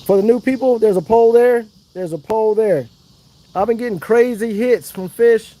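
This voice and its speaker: A man's voice: high voice, normal speed, warm tone, no echo. A man chatting casually on a fishing livestream outdoors, hyping up his viewers. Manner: chatty, hypes up viewers, Southern slang. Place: outdoors by the water.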